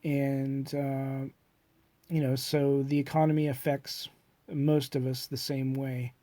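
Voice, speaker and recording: A middle-aged man with a cold, his voice congested, mid-range and dark, speaks slowly and flatly with no echo. He's a self-published author rambling through a hesitant, reflective personal monologue, full of fillers and restarts.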